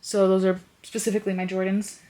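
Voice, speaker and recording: A fast-talking young woman with a mid-range, warm voice and flat delivery chats casually in her bedroom, congested and sniffly. The lifestyle vlogger rambles on, using lots of fillers.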